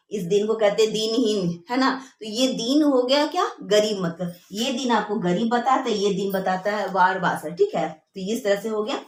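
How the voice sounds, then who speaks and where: A woman's voice: mid-range voice, reverberant. A woman teacher explaining a lesson patiently, repeating key words and checking in with her students often. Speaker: Hindi teacher.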